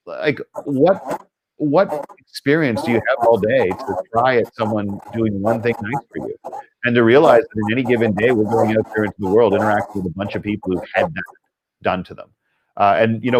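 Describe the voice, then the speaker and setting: A Canadian man with a fairly low voice tells a story in a lively, conversational way. He acts out what people said as he goes. The call recording is noisy and has clicks in it. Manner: animated, acts out quotes. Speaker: podcast guest, leadership speaker.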